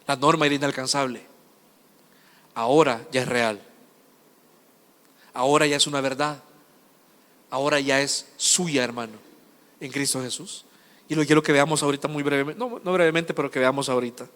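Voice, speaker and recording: A man preaching a sermon with passion, moving between hushed asides and loud, emphatic lists. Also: medium pitch, steady tone, normal speed, long pauses, big-room sound. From El Salvador.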